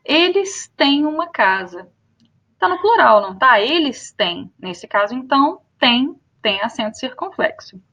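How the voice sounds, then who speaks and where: A young woman with a Brazilian Portuguese accent teaching a grammar lesson, repeating each example word slowly and clearly. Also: high voice, very animated, bright, forceful tone.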